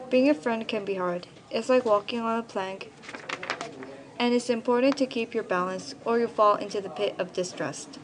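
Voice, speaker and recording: In poor audio, a young teen girl from Korea with a medium-pitched voice reads aloud an essay she wrote about herself, narrating it with careful earnestness.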